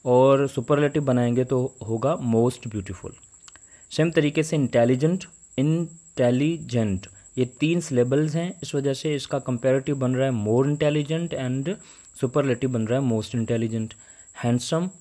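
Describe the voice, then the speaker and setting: A man's voice: mid-range voice, darkish tone. A man teaching English grammar in a patient, explanatory way, repeating each point and checking that students follow.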